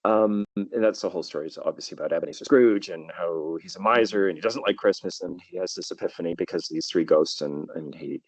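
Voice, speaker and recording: This middle-aged guest, a tour guide with a Canadian accent, speaks quickly in a low voice with few pauses. He tells stories thoughtfully on a casual podcast, tending to repeat a word as he starts, and the recording is rough but echo-free.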